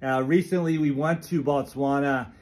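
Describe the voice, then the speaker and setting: A man's voice: on the high side, steady tone, moderate pace, darkish tone. An American man from the Pacific Northwest chatting in a casual home vlog, playfully quizzing and laughing easily. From Pacific Northwest, USA. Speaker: vlogger's husband.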